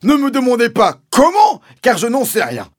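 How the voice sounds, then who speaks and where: A furious, pompous country landowner. He shrieks high and loud, jabbing out every word. The reading is dry and close. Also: wildly swooping pitch, normal speed, breathy edge, no room sound, heavily acted. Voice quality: shrill, shouting. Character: furious pompous rich landowner, shrill and shouting.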